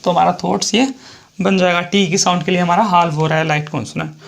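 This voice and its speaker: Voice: medium pitch, fairly even intonation, quick pace, creaky, background noise. A shorthand teacher with an Indian accent explaining a lesson step by step, repeating each example and spelling words out letter by letter.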